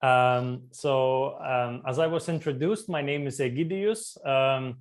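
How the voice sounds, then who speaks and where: A man's voice: mid-range voice, slow. A man from Lithuania giving an online conference talk as a startup community co-founder, with many fillers and restarts. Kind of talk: conference talk over video. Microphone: remote video call.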